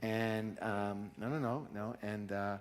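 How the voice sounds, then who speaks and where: A man giving an energetic live seminar talk, drawing call-and-response from the audience. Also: fairly low pitch, slow pace. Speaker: seminar speaker. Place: large seminar hall. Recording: long hall reverb.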